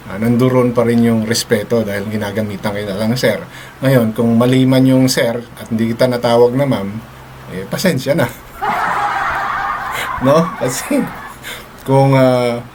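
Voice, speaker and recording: A man's voice: medium pitch, a little mellow, slight background noise. A man hosting a live stream, talking casually to his viewers, mixing in English phrases, laughing often and ending many lines with a tag question. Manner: chatty, mixes English into Tagalog, laughs often, repeats "no?".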